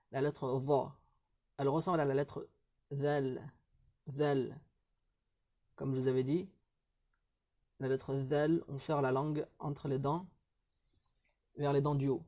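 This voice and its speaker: A man's voice: mid-range voice, warm tone. A man teaching reading in a recorded video lesson, drilling syllables one by one and patiently explaining pronunciation. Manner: slow, deliberate syllable-by-syllable drilling.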